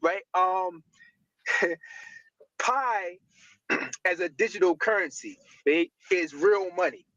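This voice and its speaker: High-voiced man rambling on a lo-fi stream. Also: slow, pauses often, bright, forceful tone, dry recording. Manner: rambling, stumbles over words, fills with "right?". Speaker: guest speaker. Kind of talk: casual live-stream talk. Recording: dull lo-fi audio.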